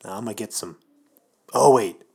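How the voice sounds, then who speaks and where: A man co-hosting a podcast in animated casual chat, jumping in often, recorded in an echoey office. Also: on the low side, normal speed, vocal fry, breathy edge. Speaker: podcast co-host. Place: office, indoors.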